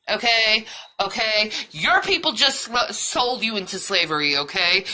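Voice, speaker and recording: Woman vlogger, profane heated rant, slow delivery, sharp bright tone. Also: fairly low pitch. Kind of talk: ranting monologue.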